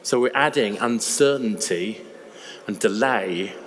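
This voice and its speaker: A man with a slightly raspy voice, giving a conversational, emphatic conference talk. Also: fairly low pitch, slow pace, a bit bright. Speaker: conference speaker. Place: large conference hall. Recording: reverberant hall with faint ambience.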